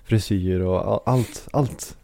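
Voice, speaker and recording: A Swedish man co-hosting a casual chat, animated and joking, often restarting his sentences. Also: fairly low pitch, gravelly, dry recording, studio quality. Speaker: podcast co-host.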